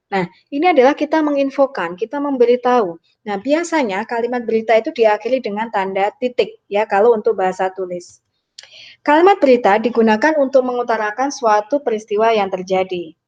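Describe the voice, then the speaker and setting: Lecturer woman, high voice, lo-fi sound. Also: darkish tone. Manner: explains slowly, mixes formal and casual slang. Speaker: university lecturer. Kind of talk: online lecture. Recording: dull lo-fi recording.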